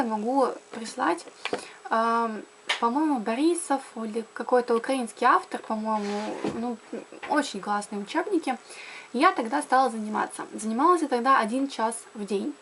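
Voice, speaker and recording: Here the Karelian language blogger sounds fairly high-pitched, and a slight hiss or hum sits under the recording. She chats to camera about studying languages, restarting often and leaning on fillers.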